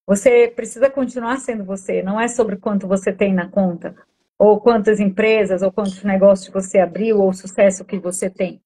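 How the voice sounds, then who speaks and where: A woman's voice: mid-range voice, steady tone, moderate pace, mellow, husky. A woman in her forties, a coach and therapist, telling a personal story in a podcast interview with enthusiastic, affectionate energy.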